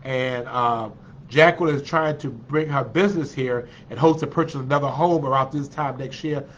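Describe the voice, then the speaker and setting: A man with a medium-pitched, congested and slightly nasal voice hosts a casual livestream, chatting with viewers at normal speed. He's chatty and encouraging, using many fillers. The lo-fi audio sounds dull, with a little hiss or hum.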